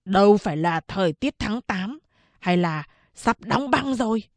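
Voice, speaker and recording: A woman's voice: medium pitch, expressive, measured pace, no echo. A woman voicing a coarse male soldier on guard duty, complaining about the cold. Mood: grumbling. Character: gruff grumbling adult male soldier on guard.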